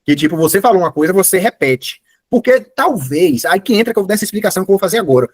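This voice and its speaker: A man's voice: high-pitched, expressive, quick pace, slightly rough, no echo. A man giving a live online class, explaining step by step and often correcting himself mid-sentence. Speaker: course instructor.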